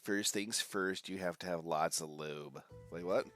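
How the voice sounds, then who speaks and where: Game music runs behind this live gameplay commentary from a man whose bad cold leaves him nasal and congested. His voice is low and fairly bright, and he speaks unhurriedly while rambling and cracking jokes about what happens on screen.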